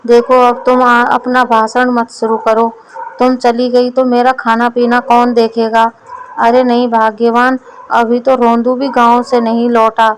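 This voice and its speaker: Woman doing a greedy fat storybook man, scolding, slow, even-toned. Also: fairly high pitch, a little hiss or hum, close to an everyday voice, low-quality recording. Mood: grumbling. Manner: grumbling, scolding. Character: lazy gluttonous fat man, bossy.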